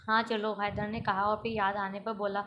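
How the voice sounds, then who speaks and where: A woman reads a romantic novel aloud, giving every character her own mostly plain voice, with small stumbles and restarts. She has a medium-pitched, slightly bright voice with a level tone at normal speed. The recording is muffled, with a little hiss or hum.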